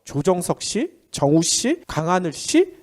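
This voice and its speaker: A man's voice: high voice, huge pitch swings, unhurried, darkish tone. A man with a nasal, pinched-nose voice congested by a head cold, hosting a conversational economic briefing in a chatty, explanatory way with questions he answers himself. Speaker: economic news podcast host.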